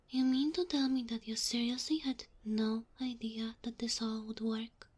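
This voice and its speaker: A woman plays a sweet, curious young kitsune fox girl in a soft ASMR roleplay, her voice a little high, breathy, and often close to a whisper. She speaks right up near the listener with naive, hesitant wonder.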